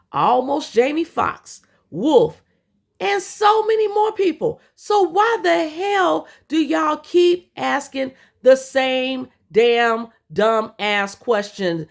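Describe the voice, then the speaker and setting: Woman vlogger ranting at her viewers, high voice that swings all over, lots of swearing, keeps restarting words. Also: vocal fry. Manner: blunt and profane, scolding her viewers; repeats and restarts words when worked up. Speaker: commentary vlogger. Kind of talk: heated commentary rant.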